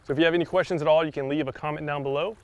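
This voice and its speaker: Smooth-voiced young man teaching fishing. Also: fairly high pitch, rapid-fire. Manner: relaxed, frequent fillers and repeated words. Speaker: fishing instructor. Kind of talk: casual outdoor tutorial. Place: sandy shoreline outdoors by open water.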